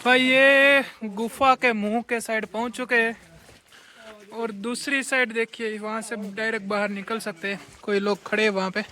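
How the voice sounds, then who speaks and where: Man, travel vlogger, high voice, bright tone, heavy cave echo, walking through a tunnel. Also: fairly even intonation, normal speed. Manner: chatty, talks to viewers while walking. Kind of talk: casual walking travel vlog. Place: inside a long rock tunnel cave.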